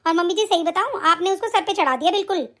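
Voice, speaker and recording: In an animated story, a woman voices a stubborn, spoiled young married daughter with a very high voice. Speaking quickly, she argues back scornfully and defiantly.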